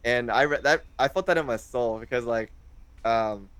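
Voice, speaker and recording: Hesitant young man, smooth clear voice. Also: medium pitch, normal speed, a bit bright, no room sound. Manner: hesitant, rambling with many fillers. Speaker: interview guest, streamer. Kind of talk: casual interview chat.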